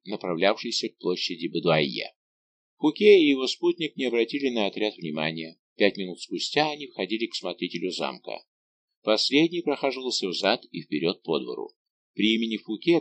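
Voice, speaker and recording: A man narrating an audiobook in a measured, dramatic reading style. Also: fairly low pitch, slight background noise. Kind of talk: scripted narration.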